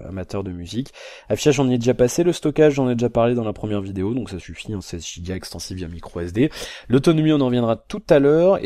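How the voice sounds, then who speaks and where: A man's voice: mid-range voice, dark tone, dry recording, clean studio sound. A man casually reviewing a phone on camera at home, rambling and hesitant, with lots of fillers and restarts. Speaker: tech reviewer. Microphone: built-in camera mic, camera resting on a box.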